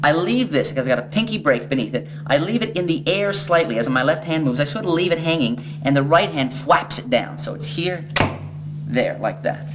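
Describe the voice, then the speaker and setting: A man's voice: on the high side, lively intonation, brisk. A man talking in card magician patter, explaining a trick step by step in a conversational way as he demonstrates it. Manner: conversational, demonstrating as he talks, broken-off phrases. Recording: clearly noisy, humming background.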